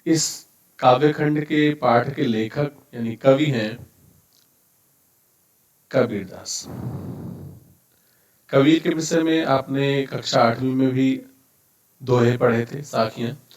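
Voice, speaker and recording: A man's voice: mid-range voice, takes it slowly, long pauses. A male teacher giving a classroom lecture, explaining each term step by step and restarting words to correct himself. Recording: roomy, mic at a distance.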